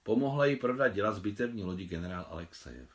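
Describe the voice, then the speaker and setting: Man, audiobook narrator, reading his translated novel, lowish voice, animated melody, expressive storytelling.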